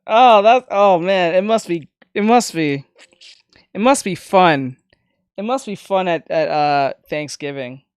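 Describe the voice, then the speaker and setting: A man's voice: high-pitched, unhurried, clean tone, dry recording, clean studio sound. A man streaming casually as he reacts to a video, laughing often, swearing and talking over it.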